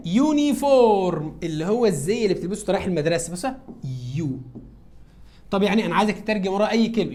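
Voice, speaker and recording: Fast-talking Egyptian male teacher. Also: sits high, a little mellow. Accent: Egyptian Arabic. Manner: asks and answers his own questions, voicing students. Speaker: English teacher. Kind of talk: classroom lesson.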